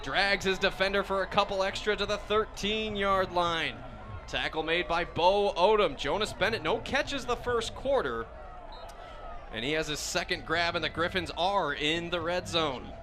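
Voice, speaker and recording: An American radio announcer calls a football game live, play by play, in a voice that sits high at a normal speed. Loud outdoor stadium noise fills the background.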